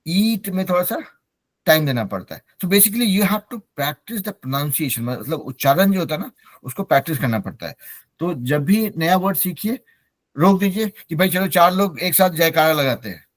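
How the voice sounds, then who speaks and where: A man's voice: fairly high pitch, animated, normal speed, no room sound. Man, native Hindi speaker, English teacher, code-switching, encouraging, dry close sound. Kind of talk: online class instruction.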